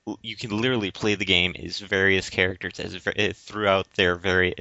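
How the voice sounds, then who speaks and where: A low-pitched man with a pushed, bright voice co-hosts a podcast, casually discussing video games while hesitating over words and repeating phrases. The recording is dry, with no room sound, but dull and lo-fi.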